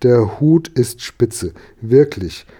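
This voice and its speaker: A man voicing a warm-hearted mother in a children's storybook reading, speaking in a soothing, coaxing way. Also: mid-range voice, animated, drawn-out words, husky, exaggerated voice. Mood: reassuring.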